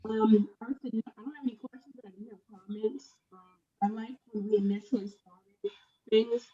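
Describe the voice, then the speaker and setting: A woman's voice: a little high, steady tone, mellow, slightly rough. A woman on the town council giving hesitant remarks over a video call, her audio muffled and cutting in and out as the stream drops. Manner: hesitant, many filler pauses. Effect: muffled audio cutting in and out over a weak call connection. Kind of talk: remote meeting remarks. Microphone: computer mic on a video call.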